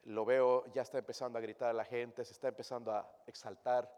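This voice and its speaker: A male preacher giving a sermon to his congregation, shifting from hushed, intimate tones to loud, emphatic preaching. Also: medium pitch, level tone, fairly quick, clean tone. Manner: addresses the congregation directly as brothers and sisters. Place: church. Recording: long reverb of a church hall.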